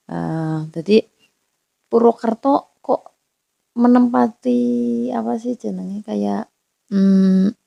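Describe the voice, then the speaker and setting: A woman speaks in a Banyumasan Javanese accent, rambling casually and asking her listeners rhetorical questions. Her voice is low in brightness, mellow and gravelly with fry. The sound is dry and close. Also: dry recording. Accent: Banyumasan Javanese (ngapak). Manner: chatty, many fillers, asks rhetorical questions. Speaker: host. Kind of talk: casual talk about local history.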